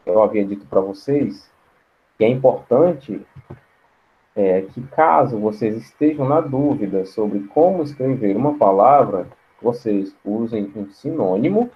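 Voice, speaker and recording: A man's voice: medium pitch, highs cut off. A male teacher giving an online class lecture, explaining step by step, often asking "right?" and repeating words aloud to show how they sound. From Brazil. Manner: frequent checking tags.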